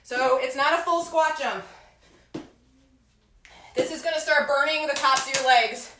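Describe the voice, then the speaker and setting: A woman's voice: sits high, unhurried, pushed and bright. A woman coaching a live online home workout, out of breath, with urgent, encouraging gym-coach calls in a very echoey room. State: out of breath from exercise. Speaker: fitness instructor leading a home workout. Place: echoey indoor room with hard floor at home. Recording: very echoey room, faint noise.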